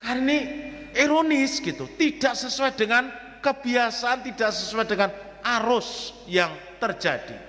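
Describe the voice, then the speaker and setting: A Javanese-accented man, a parish priest, preaching a homily at Mass with lively shifts between formal preaching and joking asides. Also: very high voice. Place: church. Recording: long church reverb.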